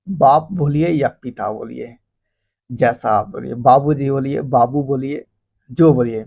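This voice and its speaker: A man with a high voice teaches an informal, lively lesson. He talks at an unhurried pace and slips into the voices of the people in his examples. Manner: animated, acts out quoted characters, laughs at own jokes. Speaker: teacher explaining a life lesson.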